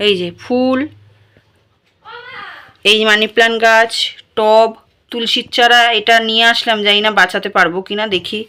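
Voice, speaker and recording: A woman's voice: fairly high pitch, fairly even intonation, normal speed, long pauses, bright, forceful tone, clean tone. A woman in a casual vlog, talking straight to her viewers as she shows what she bought. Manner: chatty, addresses viewers directly. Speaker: vlogger.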